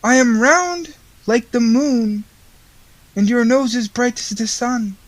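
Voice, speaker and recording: A performer playing a merry, stately Santa Claus in a mock-Shakespearean radio play, declaiming slowly and theatrically. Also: medium pitch, dry recording, natural voice. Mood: grand, merry. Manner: slow, declamatory, theatrical delivery.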